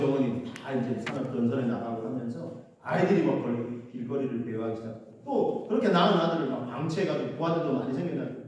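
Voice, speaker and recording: Male pastor, sermon delivery, somewhat high voice, heard from a distance in a reverberant church. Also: a little mellow. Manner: preaching with rhetorical questions to the congregation. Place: church sanctuary. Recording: echoey church hall, mic from a distance.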